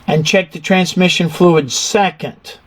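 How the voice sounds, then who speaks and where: A man's voice: high voice, fairly even intonation, a little slow, fairly bright tone. A man instructs a learner hands-on, explaining machinery methodically and checking understanding with questions. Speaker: instructor giving an engine room tour.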